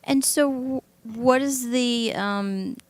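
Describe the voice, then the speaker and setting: A woman's voice: on the high side, slow pace, no room sound. A woman hosting a health talk show, asking a guest friendly, curious questions. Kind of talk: interviewing a guest.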